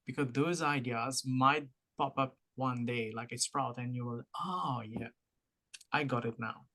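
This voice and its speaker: A man's voice: medium pitch, a little slow, bright, forceful tone. A man with a French-Mauritian accent co-hosting a podcast, talking casually and motivationally, explaining through analogies with encouraging repetition. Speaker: podcast co-host.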